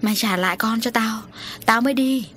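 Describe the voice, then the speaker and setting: A woman narrator voicing a crazed grieving village mother who cackles and sobs out shrill accusations. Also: brisk, fairly bright tone, a little hiss or hum, close to an everyday voice. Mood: wailing. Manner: shrill, laughing and sobbing accusations.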